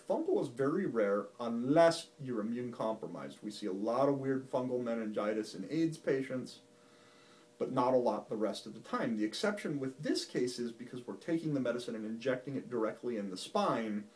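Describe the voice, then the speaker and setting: A man's voice: medium pitch, expressive, moderate pace, a little mellow, distant mic. A male physician explaining a medical topic in a folksy, plain-spoken, patient way. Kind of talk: medical explainer talk to camera. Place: doctor's office.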